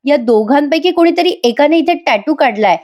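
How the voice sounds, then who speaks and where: A woman's voice: sits high, animated, normal speed, a little mellow, pitched above the performer's own voice. A woman voicing a pushy, scheming young woman who talks with insistent urgency.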